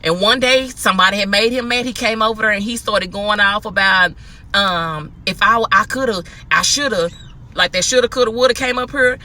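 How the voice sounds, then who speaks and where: Bright-voiced chatty woman giving advice. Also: medium pitch, fairly quick. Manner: chatty, animated, laughs often, acts out quotes. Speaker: host. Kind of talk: casual spoken advice.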